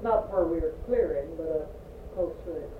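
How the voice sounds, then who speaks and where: A woman's voice: low voice, normal speed. Older woman, Appalachian accent, casual storytelling, far from the mic, roomy echo. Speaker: family member reminiscing. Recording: echoey, distant, noisy, phone-like home recording.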